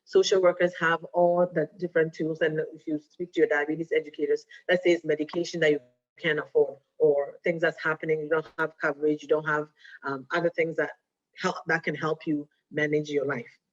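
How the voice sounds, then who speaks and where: A woman's voice: low-pitched, little pitch movement, a little fast. A woman, a diabetes educator giving a casual health talk. She speaks conversationally, often checking in with "right?" and slipping Twi phrases into her English. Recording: dull lo-fi recording.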